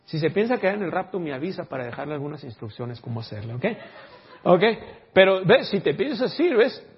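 A man preaching a sermon, lively and acting out dialogue, now and then slipping into English words. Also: a little high, brisk, lo-fi sound. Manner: lively, acts out quoted dialogue.

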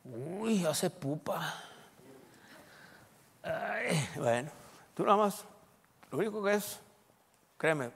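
A man preaching a sermon as pastor, emphatic, swinging between loud and soft and checking in with the congregation. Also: fairly high pitch, lively intonation, takes it slowly, gravelly, pauses often, breathy edge. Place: church. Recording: long church reverb.

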